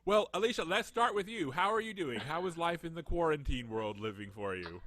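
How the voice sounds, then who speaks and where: A man hosting a casual video-call chat, animated and jokey, slipping into mock voices. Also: fairly high pitch, fairly quick. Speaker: podcast host.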